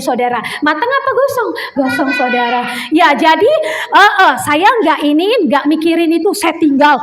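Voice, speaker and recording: High-voiced woman preaching. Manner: animated storytelling, acting out quotes. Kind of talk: sermon.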